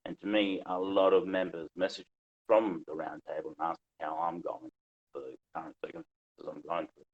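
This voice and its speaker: A man's voice: low-pitched, little pitch movement, moderate pace, slightly rough. A man speaking earnestly and a little hesitantly on a casual discussion podcast. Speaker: podcast panelist. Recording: dull lo-fi mic.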